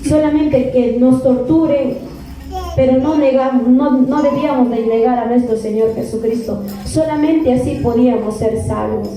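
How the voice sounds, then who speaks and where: A woman's voice: sits high, fairly even intonation, normal speed, music in the background. A woman with a Peruvian accent giving an earnest testimony to a church congregation, repeating words as she goes. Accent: Peruvian Spanish. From Peru. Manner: earnest, repeats words, addresses listeners as beloved brethren. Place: church hall. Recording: echoey church from far off.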